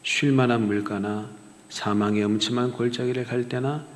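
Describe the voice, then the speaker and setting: A man's voice: medium pitch, fairly even intonation, normal speed. A man preaching a sermon as a pastor, rising to emphatic rhetorical questions and then dropping to near-whispers. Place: church sanctuary. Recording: long reverb of a church hall.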